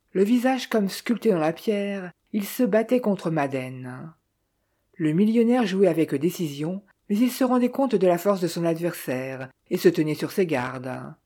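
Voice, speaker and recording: An audiobook narrator reading a detective novel in a measured, steady way. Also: medium pitch.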